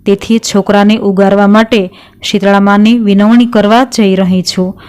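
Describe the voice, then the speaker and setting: A woman reads a devotional folk tale aloud with a smooth, clear voice. Her pitch sits at an ordinary middle height. She tells it in a steady, even storyteller's manner.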